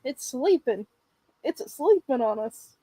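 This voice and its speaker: Female bingo host, nursing home activity style: high, unhurried, chats to each player by name. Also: animated, warm tone, slightly rough, dry recording, poor audio. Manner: addresses players by name, reads their comments aloud.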